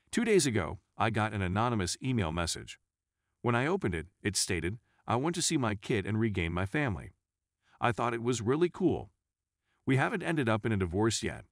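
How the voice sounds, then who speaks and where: A man reading out a first-person forum story as scripted narration, at an even reading pace. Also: on the low side, no room sound, clean studio sound.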